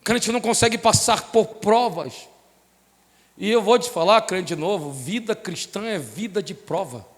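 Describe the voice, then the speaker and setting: A male pastor with a strikingly high voice, preaching in an impassioned, storytelling way. His sermon rings through a church sanctuary with a long reverb. He mixes personal stories with fervent exhortation. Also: expressive, moderate pace.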